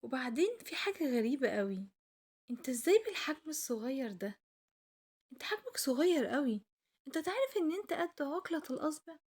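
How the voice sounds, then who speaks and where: A woman's voice: high-pitched, big pitch swings, fast, darkish tone, voice pushed up. A woman with an Egyptian Arabic accent voicing a curious, eager little girl heroine in a storybook tale. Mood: puzzled, curious. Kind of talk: storybook character acting.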